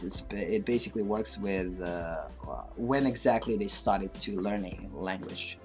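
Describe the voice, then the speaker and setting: A man with a fairly low, slightly bright voice hosts a livestream. Russian is his first language, and his English carries a mixed, slightly Russian accent as he rambles casually and hesitantly, full of fillers and restarts.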